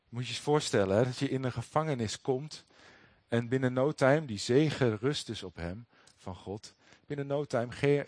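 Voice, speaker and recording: A man's voice: medium pitch, a little mellow, dry recording. A man reading a Bible passage aloud and commenting on it in a sermon, hesitant, with frequent fillers and restarts. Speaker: preacher.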